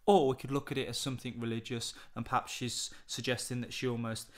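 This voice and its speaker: A man working through a poem as a tutor, in a voice of middling pitch. He explains in a measured way, thinking aloud with the odd um and restart. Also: flat delivery. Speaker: English literature tutor.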